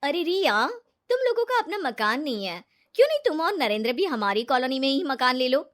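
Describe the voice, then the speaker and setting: A woman's voice: high voice, very animated, brisk, voice pushed up. A woman doing a sly, coaxing young office gossip. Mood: scheming. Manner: coaxing, persuasive, fake tears.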